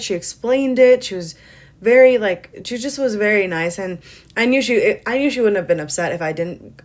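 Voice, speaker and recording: A young beauty vlogger with a slightly low voice narrates her makeup routine in a loose, chatty voice-over. She rambles, fills gaps with ums, and jokes at her own expense along the way.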